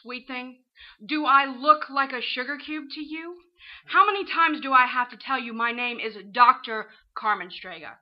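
A woman plays a clever, exasperated lady doctor in a noir fantasy audio drama. She speaks in a fairly high voice with dry, scolding, no-nonsense delivery. The recording is slightly muffled. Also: moderate pace, natural voice. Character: smart, sharp-tongued woman doctor, exasperated.

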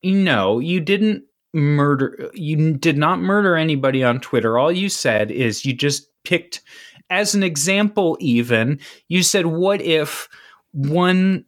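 A man on a casual podcast chat, rambling through a story with many fillers and false starts. His voice sits a bit high for a man and bounces around a lot in pitch. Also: animated, unhurried. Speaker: podcast co-host.

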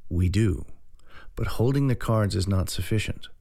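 Edwin, a man doing a deep, cool, formal giant. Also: creaky, mellow. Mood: calm, dry. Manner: measured, precise, cool formal speech. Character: towering, formal, unflappable male consultant.

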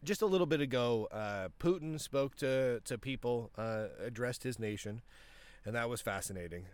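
A man's voice: medium pitch, normal speed, smooth. A man hosting a casual political commentary podcast, talking with many restarts, with a tickle in his throat that makes him cough. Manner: animated, talks with frequent restarts. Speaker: podcast host.

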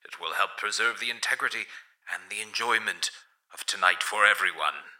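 A man voicing a hammy showman in costume who bellows pompously in a fake English accent with a raspy voice. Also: fairly low pitch, moderate pace, sharp tone, low-quality recording. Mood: announcing. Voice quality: raspy, amplified through headset mic. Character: hammy man playing Francis Bacon, bellowing.

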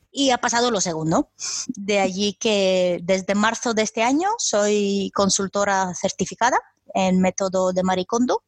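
A woman's voice: mid-range voice, dry recording. Woman, 30s, Latvian accent, casual podcast chat, frequent laughs, restarts words, dry close mic. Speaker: podcast co-host.

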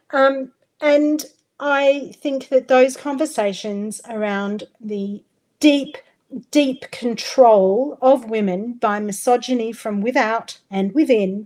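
A woman's voice: mid-range voice, a little mellow. A middle-aged Australian woman talking candidly and expressively as a podcast guest, swearing freely. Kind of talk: podcast interview.

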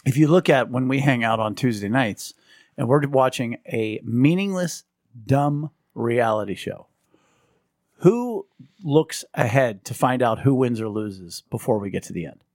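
A man's voice: unhurried, no room sound, studio quality. A middle-aged man, telling stories as a podcast host in casual chat. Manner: animated storyteller, jumps high on quoted lines.

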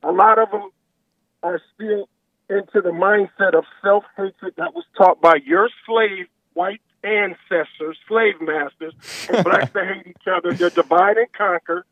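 High-voiced man calling in on speakerphone. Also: unhurried, fairly bright tone, no echo. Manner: insistent, repeats himself to hold the floor. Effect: speakerphone call over a phone line. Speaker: caller. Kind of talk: heated call-in debate. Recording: tinny, dry phone line.

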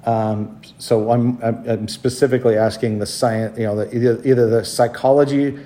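Guy hosting a chatty podcast at his dining room table, mellow soft-edged voice, kinda halting. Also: medium pitch, fairly even intonation. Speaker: podcast host and interviewer. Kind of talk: conversational podcast interview.

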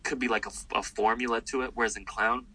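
Speaking fast in a medium-pitched voice with a breathy edge, this comedian is being interviewed casually. His talk is loose and animated, wandering with plenty of fillers and false starts, and the audio quality is poor.

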